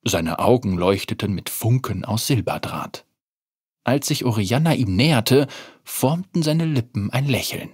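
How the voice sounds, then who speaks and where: A narrator reading a fantasy short story aloud in an expressive, scripted storytelling manner. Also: medium pitch, a little slow, breathy edge, no echo, studio quality.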